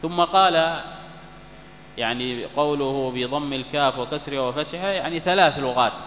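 A man's voice: fairly high pitch, moderate pace, fairly bright tone. Man teaching in an echoey hall. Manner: repeats key words for emphasis, recites quoted texts. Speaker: Islamic teacher explaining a hadith text. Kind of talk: religious lesson, reading and explaining a text. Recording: echoey hall with faint hum.

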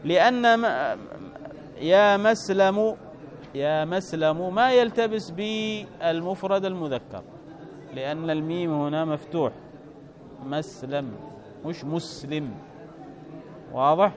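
A man's voice: high voice, unhurried, long pauses. A man teaching an Arabic grammar lesson, explaining patiently and often asking his students rhetorical questions. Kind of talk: classroom lesson explaining a text.

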